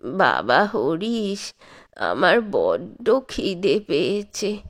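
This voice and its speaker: A woman voicing a frail old grandfather of nearly a hundred, who cries like a child and begs for food in very slow, drawn-out pleas. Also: high-pitched, huge pitch swings, fairly bright tone, voice pushed down, full character voice. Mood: pleading. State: crying like a child.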